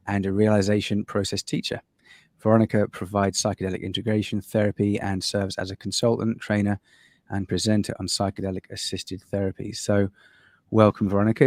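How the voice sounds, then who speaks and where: An upbeat man moderates a webinar panel, introducing each speaker with warm affirmations. His voice sits a little low. The sound is dry and close. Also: dry recording. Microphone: video call.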